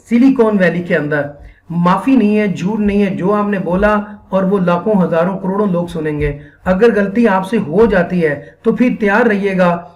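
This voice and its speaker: A man with a high-pitched, slightly mellow voice and a Pakistani accent lectures earnestly to train Quran teachers. Repetition of phrases is frequent, as is his use of English, throughout this instructional talk.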